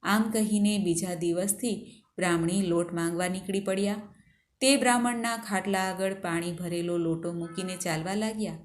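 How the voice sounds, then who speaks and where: A woman narrating a devotional fasting tale in a steady, storytelling reading. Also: on the low side.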